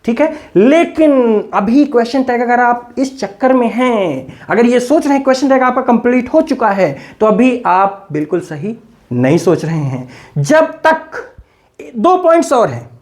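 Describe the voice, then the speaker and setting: A man's voice: extremely high pitch, very animated, normal speed, a little mellow. A man teaching an English grammar lesson, talking casually to his viewers and drilling examples by repeating them with emphasis. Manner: addresses listeners casually as brother.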